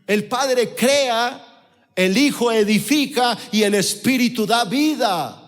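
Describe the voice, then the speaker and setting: A man's voice: extremely high pitch, takes it slowly. A man preaching a sermon in a church auditorium, speaking emphatically and putting questions to the congregation. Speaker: pastor. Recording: long reverb of a church auditorium.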